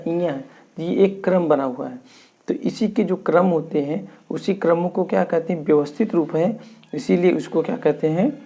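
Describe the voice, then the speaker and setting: A man teaching a Hindi grammar lesson, who explains slowly, repeats terms and asks and answers his own questions. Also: on the high side, vocal fry, mellow.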